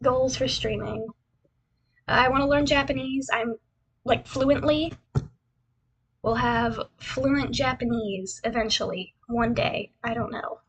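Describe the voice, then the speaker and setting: A woman's voice: fairly high pitch, slow pace, slight background noise, rough recording. A young woman chatting casually as a cute anime-style VTuber on a livestream, rambling and repeating phrases in a self-deprecating way. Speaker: VTuber streamer introducing themselves. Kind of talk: casual livestream chat over a slideshow.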